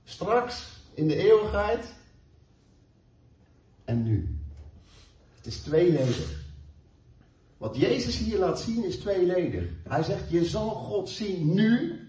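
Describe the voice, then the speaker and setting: Male preacher, lively and emphatic, heard from a distance in a dull, echoey church hall. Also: high voice. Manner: emphatic, swings from slow stressed phrases to quick asides. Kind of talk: sermon.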